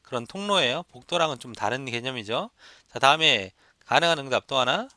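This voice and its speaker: A man's voice: medium pitch, expressive, brisk, bright, forceful tone, no room sound, studio quality. A man teaching an exam listening lesson, explaining step by step and repeating examples for students to copy. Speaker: English test instructor. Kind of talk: lecture.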